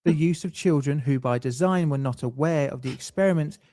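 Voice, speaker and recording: A man's voice: on the high side, a little fast, dark tone, no echo, clean studio sound. Man with a scripted narration. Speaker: documentary narrator.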